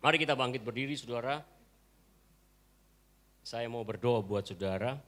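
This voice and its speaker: A man with a Manado accent preaching a church sermon, joking with the congregation and swinging from loud declarations to quiet asides. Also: medium pitch, normal speed. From Indonesia. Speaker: pastor. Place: church service.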